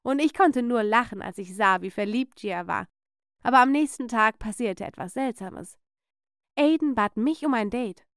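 High, smooth-voiced woman narrator. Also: moderate pace, dry recording, studio quality. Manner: expressive storytelling. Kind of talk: scripted first-person narration.

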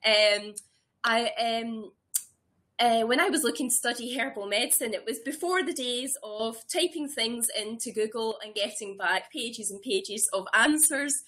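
A woman in her thirties who grew up in Scotland, hosting a webinar as a herbalist from a small room at home, talking warmly and eagerly with many ums and restarts. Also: a little high, unhurried. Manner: warm and enthusiastic, with frequent ums and restarts. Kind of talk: casual webinar talk. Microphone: webcam or laptop mic on a video call.

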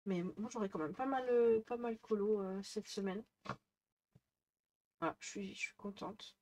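A warm, mid-range voice belongs to a woman in her thirties doing a chatty vlog indoors at her bedroom desk. She talks at a moderate pace into a headset mic, wandering through her thoughts with lots of fillers and restarts.

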